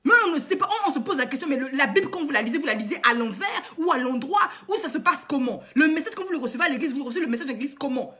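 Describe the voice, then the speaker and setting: Brief: woman vlogger with a high voice, indignant, lectures her viewers through repeated rhetorical questions. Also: animated, racing, few pauses, fairly bright tone. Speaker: online coach and vlogger. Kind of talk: impassioned moralizing monologue to viewers.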